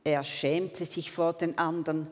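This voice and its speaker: Calm woman preacher, unhurried and breathy, in a reverberant church. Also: deep voice. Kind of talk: sermon with read-aloud story.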